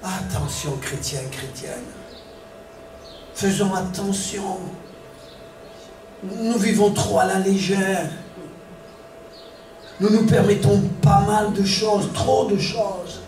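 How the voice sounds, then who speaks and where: A man preaching a sermon as pastor, animated, acting out little scenes and shouting warnings. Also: sits high, slow pace, long pauses, noisy background. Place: church hall. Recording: echoey church room from far off, faint ambience.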